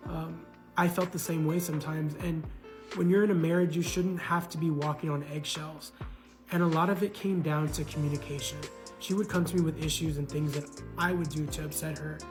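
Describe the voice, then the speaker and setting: A man's voice: on the high side, fairly even intonation, a little fast, music in the background. A man talking earnestly about his failed marriage, with a lot of "you know" and repeated words. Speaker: man recounting his divorce. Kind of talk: casual reflective monologue.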